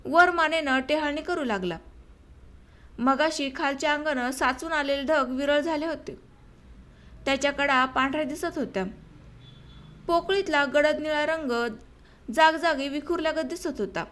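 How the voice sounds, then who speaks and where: A woman reads a short story aloud for an audiobook in a steady, measured manner. Her voice sits high, and she carries the narration calmly from line to line.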